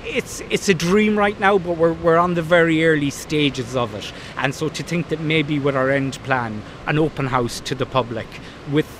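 A man's voice: fairly high pitch, steady tone, moderate pace, hardly any pauses, fairly bright tone. A man with a west of Ireland accent explaining his work and plans in an interview. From Blacksod Bay, County Mayo, Ireland. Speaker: founder of a maritime heritage company. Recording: faint outdoor background noise.

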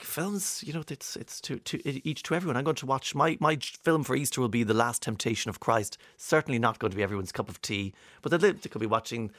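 A man's voice: on the low side, a bit bright, no echo, studio quality. A middle-aged Irish man presenting a radio show, chatting casually with plenty of fillers and restarts as he reads out listener texts. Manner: chatty, self-deprecating, frequent fillers and restarts.

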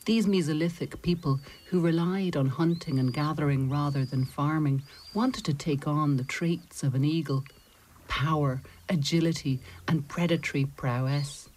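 A woman reading scripted nature documentary narration in a measured, storytelling way with deliberate pauses. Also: deep voice, steady tone, darkish tone.

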